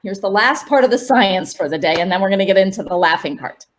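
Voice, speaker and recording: A woman laughter coach leading an online workshop, upbeat and coaxing, with sudden high cheers. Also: animated, fast talker.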